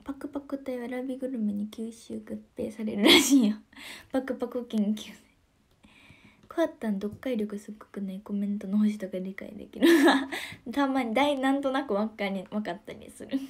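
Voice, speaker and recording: A young woman with a Kansai accent, hosting a casual livestream. She chats about viewer comments in a giggly, soft-spoken way and often drops to a near whisper. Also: fairly high pitch, a little fast. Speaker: idol livestream host.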